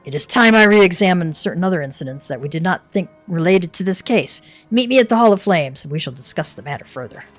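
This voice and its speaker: A woman voicing a composed female investigator from a fantasy game, with formal, measured delivery in a low voice. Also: animated, soft background music. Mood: resolute.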